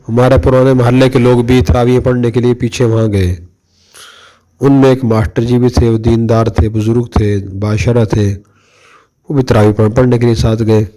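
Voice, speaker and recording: A middle-aged male preacher from Pakistan recounts a memory in an easy, conversational sermon style. His voice is mellow and warm, and he speaks at a middle pitch. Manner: conversational, anecdotal, addresses listeners directly. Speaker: Islamic preacher. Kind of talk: storytelling religious talk.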